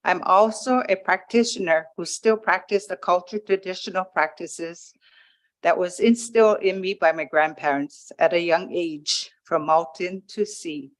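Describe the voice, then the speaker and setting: A woman from Hawaii giving public testimony at a planning hearing, reading a prepared statement into a table microphone and halting over the legal wording. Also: lowish voice. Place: county planning commission hearing room.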